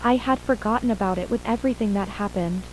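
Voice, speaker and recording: A woman plays a shaken mother who survived an attack, plainly recounting events in an interview from an acted horror audio drama. Her mid-range voice moves at a quick pace, lightly acted, with a subdued, uneasy mood. The low-quality recording carries a faint hum and hiss.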